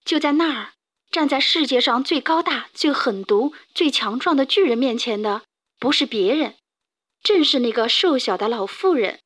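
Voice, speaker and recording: A woman reading a children's story aloud with lively, expressive narration. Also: high voice, normal speed.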